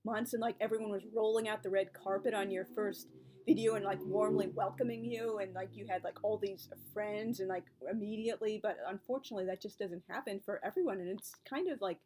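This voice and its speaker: Her voice sits in the mid-range, steady and fairly quick, as this woman in her forties chats through her experiences making book and author videos. The talk is loose and reflective, wandering into one tangent after another. Other people's advice draws a dry, fed-up tone from her.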